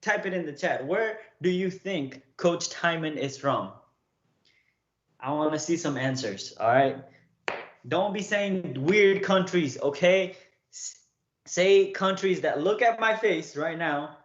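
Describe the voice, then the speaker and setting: A young Nepali man talks slowly to his livestream audience, coaching viewers in a relaxed, storytelling style. He's chatty and keeps checking in with "okay?" and "right?" His voice sits a little high, and the audio sounds roomy and slightly dull.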